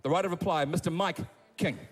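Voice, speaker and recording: A man's voice: on the high side, brisk. A man telling a teasing, chatty roast story on stage. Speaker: roast speaker. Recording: live stage with hall reverb and audience.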